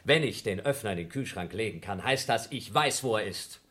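An actor in a radio play playing a paranoid scientist who coldly accuses his crewmate and then rises to shouts. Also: on the low side, lively intonation, a little fast. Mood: cold accusing. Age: younger than Mills. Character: Blob, paranoid scientist man feuding with crewmate. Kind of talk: German radio play acting.

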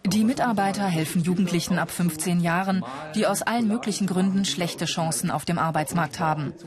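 A woman's voice: on the low side, fairly quick, crowd noise. A woman reading scripted narration for a television news report.

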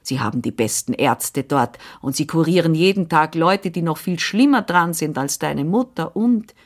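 A woman's voice: low-pitched, lively intonation, moderate pace. A woman doing a fussy old seamstress. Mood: coaxing. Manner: chattering, scolding then soothing. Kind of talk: audiobook reading.

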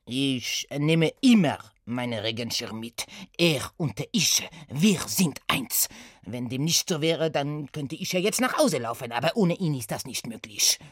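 A woman's voice: very deep voice, animated, unhurried, no echo, clean studio sound, heavily acted. A woman voicing a fussy, dramatic male composer with a put-on French accent.

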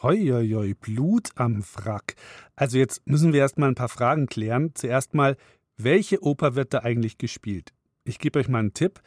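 A man's voice: medium pitch, expressive, moderate pace, darkish tone. Friendly male children's radio host. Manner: friendly, addressing children directly. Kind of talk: children's radio quiz show.

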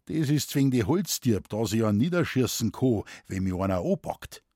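A man voicing a gruff, deadpan old forest warden with a Bavarian accent, telling tall tales in dialect. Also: medium pitch, moderate pace, no room sound, clean studio sound.

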